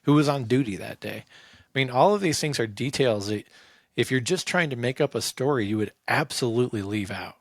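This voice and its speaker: A man in a casual Bible discussion who presses his points with conviction. His voice is mid-pitched and conversational. The recording is close and dry. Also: brisk, dry recording. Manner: emphatic, argues points with conviction. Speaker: podcast co-host.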